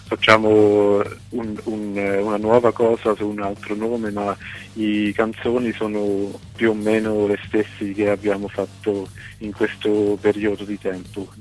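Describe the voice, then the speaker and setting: A man from Switzerland speaking non-native Italian with a foreign accent, halting and searching for words in a radio phone interview. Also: fairly low pitch, completely flat delivery. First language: not Italian. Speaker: band singer and guitarist being interviewed. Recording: phone call on radio, music behind.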